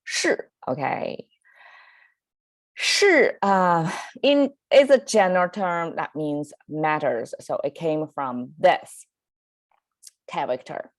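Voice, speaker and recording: A woman's voice: sits low, slow, no echo. A woman whose first language is Mandarin, hosting a casual Chinese lesson and explaining words in English with a Chinese accent, many fillers and self-corrections. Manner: conversational, with frequent fillers and self-corrections, occasional laughs. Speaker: Chinese language teacher and podcast host.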